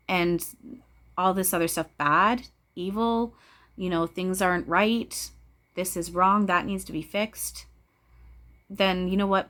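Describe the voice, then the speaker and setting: Emphatic, blunt woman with a lowish voice. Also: fairly bright tone. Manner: emphatic, blunt, sweary, preachy; repeats phrases for emphasis. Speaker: spiritual channeler speaking to viewers. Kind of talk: casual spiritual talk to camera.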